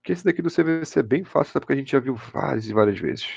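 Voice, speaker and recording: Brazilian male teacher, gravelly, keeps checking in with his class; dry lo-fi recording. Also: mid-range voice, expressive, fast talker, darkish tone, no room sound. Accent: Brazilian Portuguese. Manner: repeats "show de bola" and "pessoal", checks in with students. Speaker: English teacher. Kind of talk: online class explanation.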